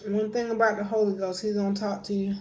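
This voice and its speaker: An American woman chatting casually over a meal, telling things in colloquial, animated fashion. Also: mid-range voice, fast talker. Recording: echoey room with faint background noise.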